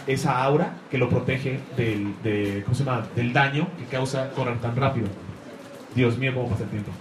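A man giving an enthusiastic talk about comics to a live audience, rambling and searching for words. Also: medium pitch. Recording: echoey room, faint noise.

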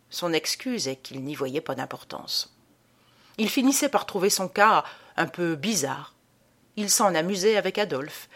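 Expressive woman reading an audiobook. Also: on the low side. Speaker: audiobook narrator. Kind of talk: scripted narration.

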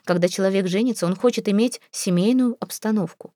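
Exasperated proud young husband in an audiobook, read by a woman, clipped and indignant, mellow dark tone. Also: mid-range voice, brisk, no echo, studio quality, close to an everyday voice. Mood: irritated. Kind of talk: audiobook character reading.

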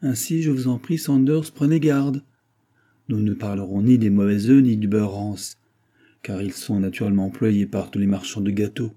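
A man reading an audiobook and voicing a pompous, lecturing brewer's clerk who talks loudly and emphatically. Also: fairly low pitch, normal speed, natural voice. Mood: emphatic. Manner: lecturing, self-important, emphatic.

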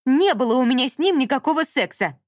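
A woman voicing an indignant, quick-tempered young woman in an audiobook scene. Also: medium pitch, expressive, darkish tone, husky, dry recording, studio quality. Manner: exclaiming, indignant.

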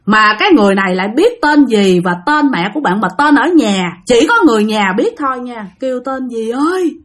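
Brief: woman storyteller, dramatic, addresses the audience, lively intonation. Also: on the high side, brisk. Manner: dramatic, addresses listeners directly. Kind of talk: spoken ghost story narration.

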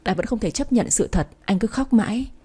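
Husky woman narrating a romance story. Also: medium pitch, animated, a little fast, mellow.

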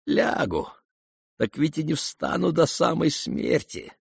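A man voicing a dying young man, hoarse and weak, speaking quietly and tiredly with faint irony, in an audiobook reading. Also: on the high side, big pitch swings, slow pace, dry recording, studio quality, pitched above the performer's own voice, heavily acted. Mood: weary. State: hoarse, near whisper.

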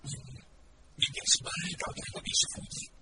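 A man voicing a young male martial disciple, earnest and guilt-ridden, speaking in a hushed, brooding way. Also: a little fast, lightly acted. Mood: anguished. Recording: distant mic, loud background noise.

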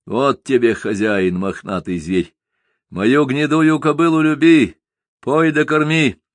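A man's voice: mid-range voice, slow, no echo, studio quality, pitched above the performer's own voice, natural voice. A man voicing a shrewd, prosperous merchant who talks in a folksy, wheedling and sometimes stern way. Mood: coaxing.

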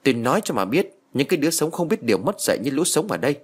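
A bitter old village woman with a sharp tongue, shrieking curses in a high voice that leaps all over the place, put on by a man narrating a story. Her tone is slightly husky, with faint music underneath. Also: sing-song, very fast. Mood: venomous. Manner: shrill, cursing, wailing. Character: spiteful foul-mouthed old village woman.

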